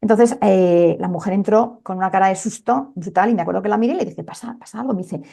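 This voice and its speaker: Gravelly, mellow-voiced woman doctor. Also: mid-range voice, fast talker. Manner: conversational storytelling with many fillers. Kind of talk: telling a personal story in an interview.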